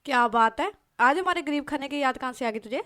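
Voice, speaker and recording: A woman voicing a calm young woman who comforts a friend softly and slowly. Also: sits high. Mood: soothing. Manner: soft, slow and calming.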